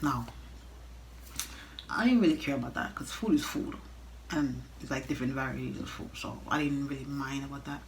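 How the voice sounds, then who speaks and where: Blunt young woman on an animated storytime rant. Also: extremely low pitch, normal speed, a little hiss or hum, low-quality recording. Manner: blunt, exasperated, sweary, talking straight to viewers. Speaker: storytime vlogger.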